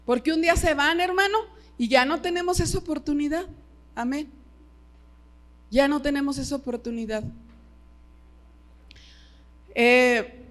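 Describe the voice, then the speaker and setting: A middle-aged woman with a Mexican Spanish accent preaching a sermon in church, emphatic and constantly calling her listeners brother. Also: sits high.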